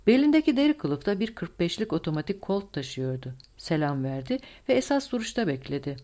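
A woman narrating an audiobook in a steady storytelling voice. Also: on the low side, a little fast.

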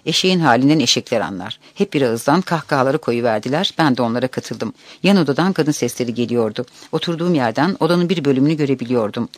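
A man calmly narrating a novel in a measured, reflective audiobook reading. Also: medium pitch, no echo.

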